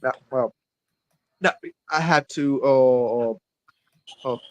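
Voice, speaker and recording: A man hosting a casual live stream, talking in a halting way with many fillers and restarts. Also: mid-range voice, darkish tone. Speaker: streamer host.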